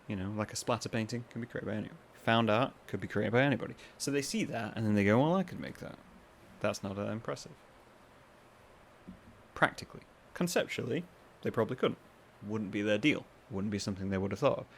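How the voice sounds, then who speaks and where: Low-voiced man musing on a podcast. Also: fast, gravelly, slight background noise. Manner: rambling with self-mocking asides; acts out what others say in higher voices. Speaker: podcast host. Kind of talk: casual podcast monologue.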